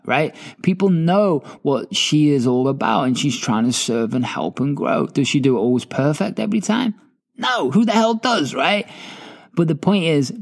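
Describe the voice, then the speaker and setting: A man's voice: fairly high pitch, a little mellow. A man hosting, giving emphatic motivational commentary between clips, with casual swearing. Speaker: host.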